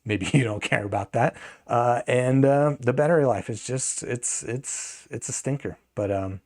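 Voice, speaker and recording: A man offers a casual, off-the-cuff product review, conversational and opinionated, tossing in asides along the way. He's an audio gear reviewer and video host, speaking a little slowly in a medium-pitched, slightly mellow voice.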